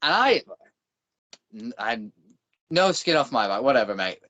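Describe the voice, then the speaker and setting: His voice mid-range, very animated, pushed and bright, the thirtysomething bare knuckle boxer from Northern England takes his time speaking. He chats casually as an interview guest in a Northern English accent, joking in a dry, self-deprecating way.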